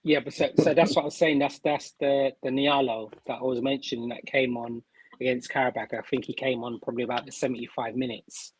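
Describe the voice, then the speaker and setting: A man hosting a casual live-stream football chat, animated and repeating words as he builds his point. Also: medium pitch, brisk, slightly rough, dry recording, rough recording. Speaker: host. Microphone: remote stream mic.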